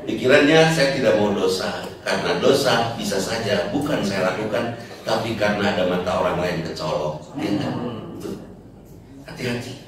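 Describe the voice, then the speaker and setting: A man's voice: fairly low pitch, moderate pace. A man preaching a humorous sermon, telling jokey stories and asking the congregation rhetorical questions. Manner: joking storyteller, rhetorical questions. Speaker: Islamic preacher. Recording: echoey hall, distant mic, crowd. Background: audience laughter.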